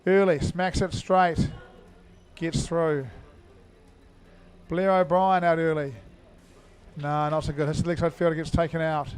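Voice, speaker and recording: A man giving live commentary on an indoor cricket match, chatty and full of fillers, now and then breaking into loud greetings to viewers. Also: a little high, level tone, unhurried, long pauses, clear, resonant tone.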